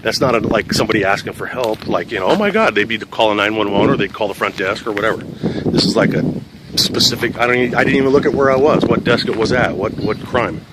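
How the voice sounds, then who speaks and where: A man's voice: lowish voice, fairly even intonation, fast talker. Middle-aged man, former patrol officer; loose, profane storyteller; noisy recording. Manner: profane, rambling, conversational. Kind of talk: casual storytelling.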